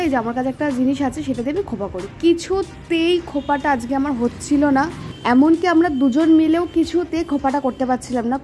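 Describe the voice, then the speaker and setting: High-pitched, fast-talking young Bengali woman. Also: darkish tone. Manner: chatty, talks while doing her makeup. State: tired. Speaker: vlogger. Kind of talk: casual vlog chat. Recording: music playing underneath.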